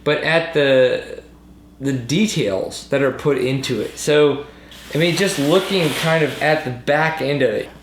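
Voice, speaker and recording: A mildly drunk man giving a casual, rambling product review, slangy and sweary, stretching words for emphasis. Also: fairly high pitch. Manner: tipsy, loose rambling speech with drawn-out emphasis. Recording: echoey room with faint background noise.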